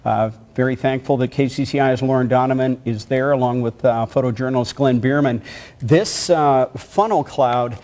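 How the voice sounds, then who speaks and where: A man's voice: mid-range voice, moderate pace, darkish tone. Male news anchor, live breaking coverage. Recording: faint background noise.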